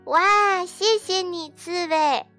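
A woman voicing an eager, cheerful little mouse in a children's storybook, with a squeaky and bouncy delivery. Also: very animated, a little slow, sharp tone, soft background music, full character voice. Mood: excited.

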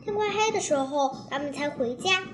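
A woman narrating a children's story in a lively, expressive way. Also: high-pitched, normal speed.

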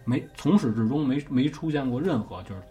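A man with a Beijing accent spins a ghost story in loose, casual talk. He swears offhandedly and keeps asking whether you follow him. Soft music plays faintly underneath. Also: mid-range voice, animated, brisk, husky. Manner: chatty, swears casually, keeps checking with listener. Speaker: host.

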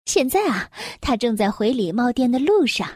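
A woman reading a children's story aloud in a gentle, expressive storytelling voice. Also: on the high side, moderate pace, breathy edge, dry recording, studio quality.

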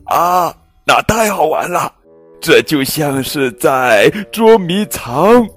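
An excitable young elephant chatters high and fast in a storybook, as a man puts him on. His voice pitches well above a man's deep speech. Light music lingers faintly. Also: heavily acted. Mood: excited. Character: excitable male elephant friend.

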